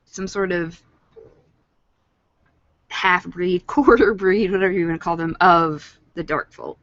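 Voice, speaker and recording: A woman's voice: on the low side, unhurried, a bit bright, no echo. A woman chatting casually about a tabletop game, asking questions and snacking as she talks. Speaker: tabletop player. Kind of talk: casual chat. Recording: dull lo-fi stream audio.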